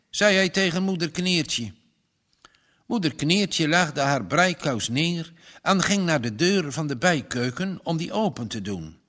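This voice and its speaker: A man narrating a story aloud in a deliberate manner, with the occasional stumble. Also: a little high, a bit bright. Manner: slow, deliberate, with small stumbles.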